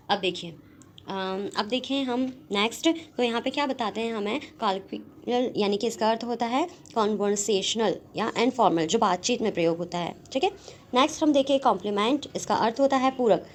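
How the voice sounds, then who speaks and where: A woman teaching English grammar in Hindi from slides, explaining each term and then reading out English examples slowly, with frequent "theek hai" and "okay" check-ins. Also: medium pitch, slight background noise.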